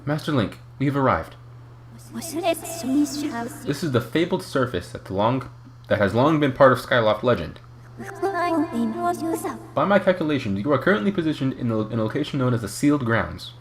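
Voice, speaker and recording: A man voicing a calm, formal female sword spirit companion in a flat robotic monotone while playing a game. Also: mid-range voice, moderate pace, long pauses, music in the background, lightly acted. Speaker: let's play gamer. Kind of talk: reading game dialogue aloud in a put-on voice.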